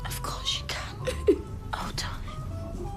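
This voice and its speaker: An emotional, caring woman from a TV soap, exasperated and pleading. Her voice is fairly high and very expressive, slowly paced, over music. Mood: alarmed, tender. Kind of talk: naturalistic TV soap acting.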